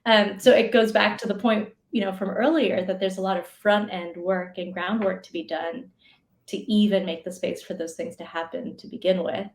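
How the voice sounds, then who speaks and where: A woman speaking as an interview guest, working through her ideas with fillers and small asides. Her voice sits at a medium pitch. It carries a noticeable roomy echo. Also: fairly even intonation, moderate pace. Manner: thoughtful, many fillers and asides, laughs often. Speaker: podcast guest, educator. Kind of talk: conversational interview answers.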